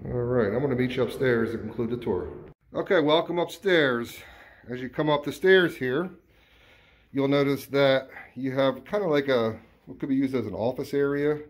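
A man guides viewers through an empty house in a casual walkthrough, a real estate agent speaking at medium pitch and normal speed. He sounds relaxed and informal and makes small self-corrections. Recorded on a handheld phone, the bare rooms echo and there's faint background noise.

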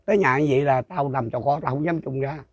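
An older man from Southern Vietnam, interviewed as a storyteller, tells ghost tales in a casual folk style, rambling, repeating himself, and frequently restarting. His mid-range voice moves at a quick pace, captured in a dry recording with clean studio sound.

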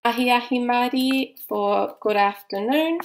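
A woman with a New Zealand accent leads a recorded course lesson. Her voice sits a little high, and she explains patiently, one point at a time. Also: unhurried. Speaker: language teacher.

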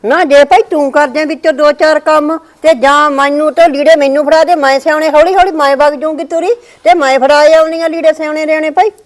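Woman playing an overworked mother-in-law, Punjabi accent, high-pitched, plaintive grumbling. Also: fairly even intonation, brisk, few pauses, close to an everyday voice. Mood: complaining. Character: put-upon older mother-in-law, weary and complaining. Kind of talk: scripted family skit.

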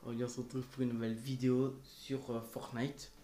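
A man's voice: medium pitch, flat delivery, normal speed, dark tone. A man hosting a casual gaming tutorial vlog, hesitant and rambling, with many fillers and restarts, recorded on a phone. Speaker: gaming video host.

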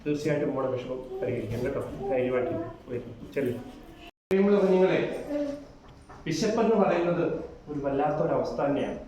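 A man playing a kind, earnest schoolteacher who coaxes his pupils gently and then lectures them on right and wrong, recorded from a distance in a very echoey room. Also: on the high side, expressive, fairly quick, slight background noise, lightly acted. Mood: consoling, preachy. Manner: gentle, coaxing, moralizing. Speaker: teacher. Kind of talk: amateur short-film acting. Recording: echoey room, mic far off.

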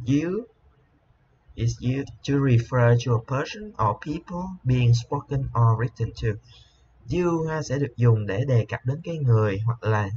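A man explaining a beginner English lesson. He has a medium-pitched voice and a patient, repetitive way of teaching, going over each word several times. The recording is a little dull and lo-fi, with a faint hiss underneath. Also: darkish tone. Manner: patient, repeats each word slowly, frequent "ha" tags.

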